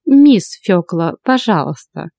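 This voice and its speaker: A woman voicing an old witch in an audiobook, with a creaky voice and a slow, steady, coldly menacing delivery. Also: fairly low pitch, no echo, heavily acted. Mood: prim. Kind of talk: audiobook character voice.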